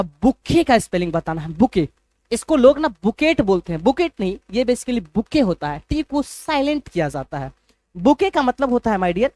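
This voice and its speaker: A man's voice: sits high, darkish tone, no echo. A man teaching English in a live online class, playful and teasing, spelling words out letter by letter.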